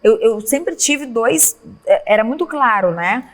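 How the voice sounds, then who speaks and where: Higher-voiced hostess, reverberant. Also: female voice, animated, unhurried. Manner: warm banter with frequent agreeing interjections. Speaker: host, psychologist. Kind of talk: casual interview chat.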